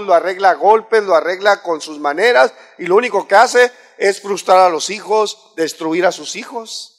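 High-voiced Mexican pastor preaching. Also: male voice. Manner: preachy, many rhetorical questions, swings between loud and soft. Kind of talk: sermon to a congregation.

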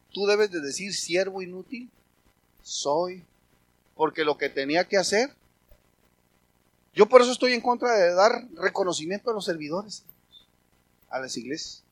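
High-voiced male pastor preaching. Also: no echo, rough recording. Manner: preaching with sudden loud emphatic bursts. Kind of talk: sermon.

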